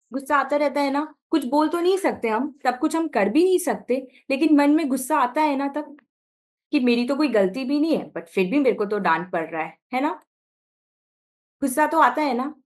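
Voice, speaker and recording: A woman with an Indian accent teaches a class over a video call, her voice sitting high. She keeps checking in with short questions as she explains. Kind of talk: online class lesson.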